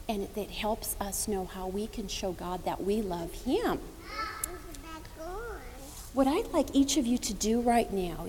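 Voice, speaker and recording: A woman giving a children's sermon in a sweet, patient Sunday school manner, using simple words and gently coaxing. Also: a little high. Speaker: children's message leader at church. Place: large echoing church indoors. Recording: reverberant church hall with background noise.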